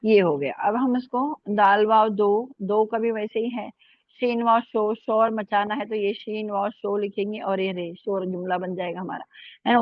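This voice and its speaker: A woman's voice: mid-range voice, no room sound, dull audio. Patient woman teaching Urdu letters. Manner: patient, repeats "ठीक है" and "है ना" often; spells out letters and syllables slowly. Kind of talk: online language lesson.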